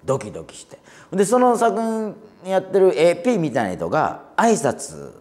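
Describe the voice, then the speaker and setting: A man in his forties with a Kansai accent, a comedian hosting a talk show and telling a lively story with laughs. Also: sits high, moderate pace. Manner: animated, laughing anecdote-telling. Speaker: comedian host.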